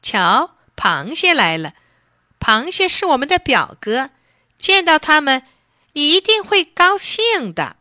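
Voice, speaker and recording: A woman's voice: high voice, sing-song, measured pace, sharp tone, dry recording, clean studio sound, voice pushed up, heavily acted. A woman voicing a big, cheerful lobster in a children's story who speaks in an overly polite, beaming way. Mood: cheery, polite. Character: big cheerful lobster, friendly but rough.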